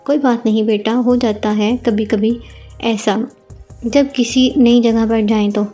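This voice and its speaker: Woman reading kind middle-aged mother-in-law, gentle and reassuring, mellow tone. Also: a little high, fairly even intonation, measured pace, soft background music. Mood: soothing.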